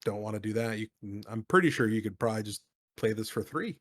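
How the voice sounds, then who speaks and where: A man's voice: on the low side, expressive, quick pace. A man co-hosting a card game stream, chatting casually and reading out cards with enthusiasm and informal slang.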